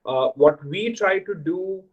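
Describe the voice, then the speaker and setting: A man's voice: high voice, lively intonation, slow pace, narrow, tinny audio. A young man, a senior student explaining things to new students on a video call and checking in with "right?". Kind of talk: orientation talk to students.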